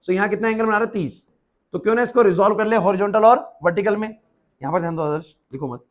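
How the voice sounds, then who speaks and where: A man's voice: sits high, fast talker. A male physics teacher lecturing a class, quizzing students by name and repeating his questions. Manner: repetitive questions, urging focus.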